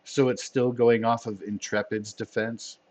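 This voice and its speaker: A man narrating as game master of a tabletop role-playing game, playful and quick to laugh. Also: mid-range voice, flat delivery, a little mellow, a little hiss or hum. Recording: dull lo-fi sound.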